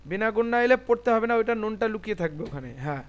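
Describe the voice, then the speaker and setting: A Bengali-accented man teaching Quran recitation rules, spelling out each letter and vowel mark slowly before reading the whole word. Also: high-pitched, lively intonation, dull audio. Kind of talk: tajweed lesson.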